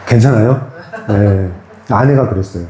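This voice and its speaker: A man's voice: fairly low pitch, moderate pace, dark tone. A man preaching a sermon in a small church, talking in a conversational way and putting questions to the congregation. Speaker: pastor. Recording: echoey church room.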